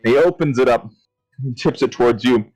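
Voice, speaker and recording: A man runs a tabletop game, narrating scenes at a medium pitch. He hesitates often, stopping to correct himself and filling gaps with ums. His tone stays plain and conversational. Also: fairly quick, a little mellow, soft background music, rough recording. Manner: hesitant, with many fillers. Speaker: game master.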